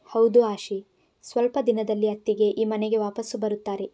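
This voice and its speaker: A woman's voice: medium pitch, level tone, moderate pace, mellow, lightly acted. A woman voicing a caring young husband in an audio story, scolding with tenderness. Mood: tender.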